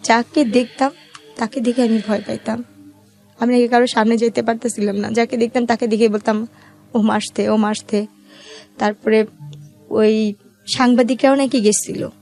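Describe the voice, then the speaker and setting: As an interview guest, a Bangladeshi woman recounts her personal story in a colloquial, conversational way. Her fairly high voice has a darkish tone and little pitch movement, at a moderate pace with frequent pauses, while faint music plays underneath.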